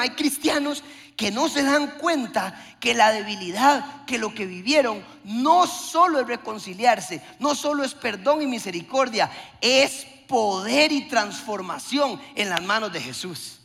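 Male pastor, fervent sermon, very high bright voice, gravelly edge, long hall reverb. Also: animated, measured pace. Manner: impassioned preaching with acted-out dialogues.

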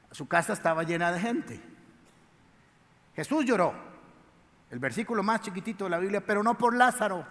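A man preaching a sermon, telling the story in a lively, colloquial way full of slang. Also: sits high. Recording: echoey hall.

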